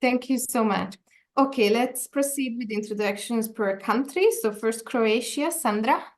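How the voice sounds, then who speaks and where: A woman's voice: fairly high pitch, a little slow. A woman chairing a video call meeting and leading the introductions, polite and procedural with some fillers. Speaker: education department director, meeting chair.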